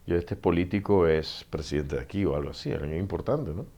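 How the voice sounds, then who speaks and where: A middle-aged man, an author with a Panamanian Spanish accent, speaks briskly in a low voice with a breathy edge. Being interviewed casually, he tells stories with animation, voicing the dialogue and laughing frequently.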